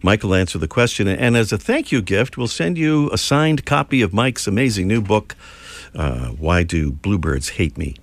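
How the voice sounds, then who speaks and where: A man's voice: on the low side, lively intonation, moderate pace, dry recording. A man hosting a radio show about birds with a jokey, easygoing manner. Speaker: radio host.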